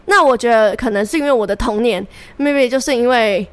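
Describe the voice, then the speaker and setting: Fast-talking high-voiced young woman. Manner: animated storytelling, acting out quoted voices. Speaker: podcast co-host. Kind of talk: casual chat between friends.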